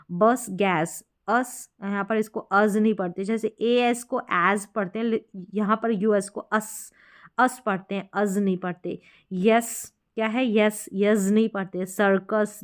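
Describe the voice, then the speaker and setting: Female teacher, patient and deliberate, repeats each example word and poses questions to the learner. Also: medium pitch. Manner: slow, deliberate drilling of example words with questions to the viewer. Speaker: English pronunciation teacher. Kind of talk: classroom-style lesson explaining spelling rules.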